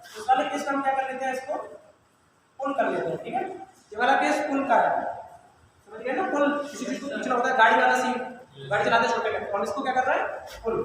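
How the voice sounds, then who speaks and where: A man's voice: very high-pitched, quick pace, long pauses. A man teaching a physics lesson, constantly checking that his students follow and mixing English technical terms into his explanation. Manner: checks understanding after nearly every line. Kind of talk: classroom lecture. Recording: echoey hall from far off, faint noise.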